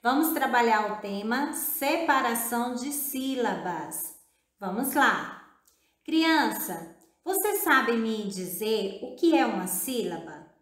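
A woman teacher giving a video lesson to children, speaking in a slow, drawn-out, encouraging way and repeating words syllable by syllable. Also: fairly high pitch, lively intonation. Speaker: primary school teacher. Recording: echoey room.

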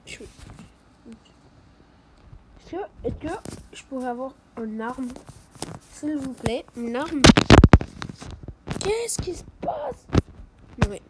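A woman commentating her own online game as channel host, excitable and swearing when things go wrong. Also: high voice, slow, pauses often. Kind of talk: live gameplay commentary. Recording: noisy home recording with clicks.

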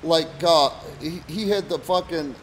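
Profane, rambling middle-aged man, higher voice. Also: measured pace, slight background noise, low-quality recording. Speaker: podcast co-host, wrestling promoter. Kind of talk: casual chat.

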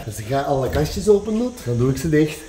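A man's voice: on the high side, big pitch swings, fast, very noisy. A young man with a Netherlands Dutch accent, chatting casually with friends in blunt, slangy speech. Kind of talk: casual chat among friends. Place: large villa, indoors and on terrace. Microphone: handheld camera.

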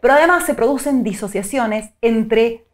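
A middle-aged woman with a Rioplatense Spanish accent answers interview questions as a psycholinguist. She explains in a steady, teacherly way and grounds each idea in a concrete example. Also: fairly high pitch, normal speed. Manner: clear, didactic, illustrates points with examples. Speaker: psycholinguist guest.

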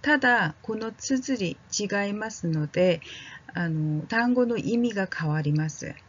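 Woman language teacher, casual and friendly, with a breathy voice on a muffled recording. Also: medium pitch, animated. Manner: speaks slowly, drawing out vowel drills and checking in with learners; casual and friendly, with fillers like "ano". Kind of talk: slow, gentle language lesson.

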